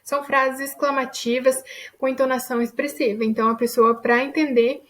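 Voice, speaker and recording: A woman's voice: high-pitched, flat delivery, fairly quick, a bit bright. A woman teaching a grammar lesson, explaining patiently and checking in with her students after each point.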